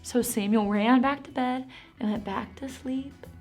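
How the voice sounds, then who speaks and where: An animated, encouraging woman who teaches a Bible lesson to preschool children. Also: on the high side, unhurried, soft background music.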